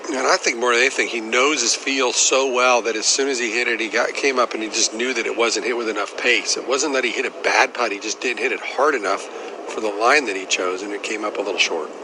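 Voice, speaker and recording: Give me a male golf analyst chatting through the play, average pitch, with noticeable outdoor noise. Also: fairly even intonation, a little fast. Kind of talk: conversational sports analysis. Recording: noisy outdoor broadcast.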